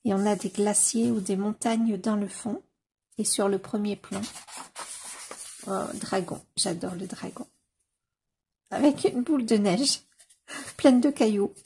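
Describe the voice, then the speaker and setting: A woman casually leafing through a coloring book on camera, gushing over the pages with many fillers and slowly sounding out titles. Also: mid-range voice, creaky, darkish tone, a little hiss or hum. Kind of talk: casual flip-through commentary.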